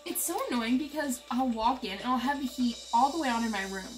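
A woman's voice: a little high, quick pace, faint music behind. A young woman telling an exasperated story about a roommate's habits during a comedy skit. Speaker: college roommate.

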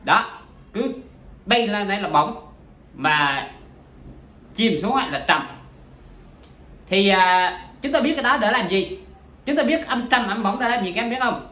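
A man's voice: sits high, expressive, a little slow, pauses often, bright, forceful tone, echoey room. A man teaching poetry in a chatty, casual way, full of examples and fillers. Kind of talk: casual spoken lesson.

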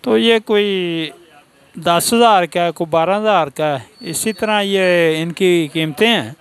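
A man's voice: high-pitched, takes it slowly, smooth. A man in his thirties with a Pakistani Urdu accent, filming a casual walking tour of a tool shop and asking about prices. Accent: Pakistani Punjabi-inflected Urdu. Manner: casual, points things out and asks prices. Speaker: vlogger. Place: indoor tool shop in a market.

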